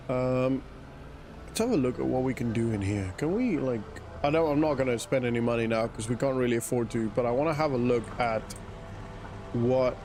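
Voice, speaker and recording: Casually commenting on a game he's streaming, a South African man with a mixed South African and British accent thinks aloud and handles chat. His voice sits at medium pitch and sounds a little mellow, with slight background noise.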